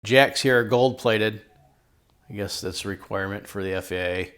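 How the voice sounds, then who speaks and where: Hosting a product review video, a middle-aged American man with a lowish, slightly bright and clean voice speaks at a moderate pace. His style is casual and folksy, with jokey slang and detours into storytelling as he explains.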